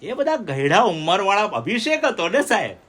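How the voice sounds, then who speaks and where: A man's voice: sits high, big pitch swings, moderate pace, fairly bright tone. A middle-aged man from India preaching a sermon with call-and-response. He speaks with emphasis and keeps asking his listeners questions.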